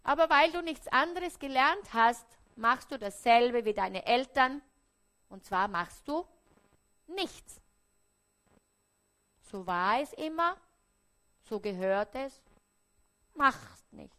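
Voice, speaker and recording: A woman with an Austrian accent, preaching a parable on stage before an audience, often dropping to a hushed, quiet voice. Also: a little high, animated, takes it slowly, pauses often. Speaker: stage speaker.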